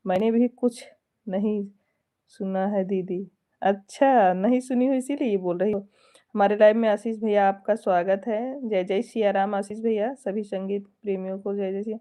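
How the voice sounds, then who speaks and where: This folk singer from Awadh, India has a warm, medium-pitched voice with a steady tone and normal speed. Chatting on a live stream in Awadhi-accented Hindi, she reads comments aloud, chuckles often and exchanges devotional greetings.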